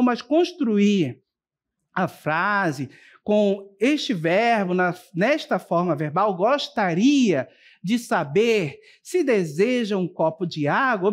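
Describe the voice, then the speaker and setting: A teacher giving a televised school lesson, explaining step by step and often checking in with the class. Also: mid-range voice. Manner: addresses students directly and warmly as a group. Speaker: Portuguese teacher.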